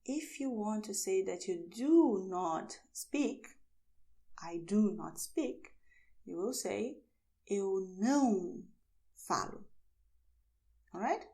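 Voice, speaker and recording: A woman teaching a language lesson, saying phrases slowly and then explaining them. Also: medium pitch, expressive, dark tone. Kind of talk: slow, clear language lesson.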